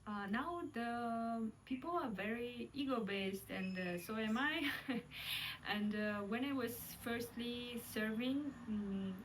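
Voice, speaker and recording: Speaking slowly in a fairly high voice, a young Kazakh vlogger with a Kazakh accent reflects casually, full of hesitations, fillers and small laughs. The mic is distant, the recording rough, and there's a bit of background noise.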